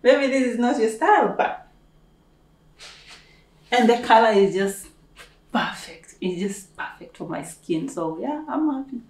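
Animated and a little high, with a darkish tone, her voice moves at a measured pace broken by long pauses. The young Kenyan-accented vlogger chats casually to camera from her living room, playful and gushing as she hypes herself, recorded on the distant camera mic in an echoey room.

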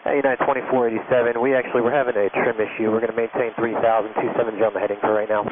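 A man speaking as an airline pilot over a cockpit headset radio, reading back instructions to controllers in a clipped, calm, businesslike way. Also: medium pitch, rapid-fire. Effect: cockpit headset radio transmission. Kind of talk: radio readbacks to air traffic control. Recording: tinny radio channel with clear static.

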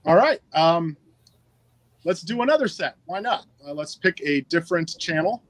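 A man's voice: on the high side, animated, normal speed, no room sound, low-quality recording. A man hosting a live stream giveaway in a casual, chatty and upbeat way, talking into a phone. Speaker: livestream giveaway host.

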